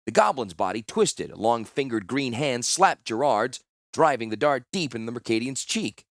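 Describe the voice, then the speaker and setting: A man reading a fantasy audiobook as scripted narration, in a steady, measured storytelling manner. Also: mid-range voice, no echo, studio quality. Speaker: audiobook reader.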